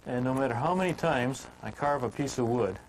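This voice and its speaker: A man teaching woodcarving in a relaxed, homespun storytelling manner, chatting with filler words as he works. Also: medium pitch, brisk, slight background noise, rough recording. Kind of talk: folksy storytelling while demonstrating carving.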